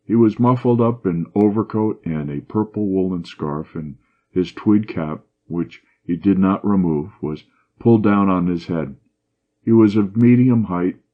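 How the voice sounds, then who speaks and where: A man narrating a classic short story in a measured, low-key manner. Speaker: audiobook narrator. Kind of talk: scripted narration. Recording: dull lo-fi audio.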